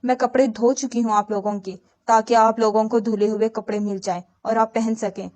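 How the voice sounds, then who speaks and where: A woman's voice: fairly high pitch, steady tone, darkish tone, close to an everyday voice. A woman voicing a grieving young wife and mother in a spoken religious story, in a tearful, pleading tone. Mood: sorrowful.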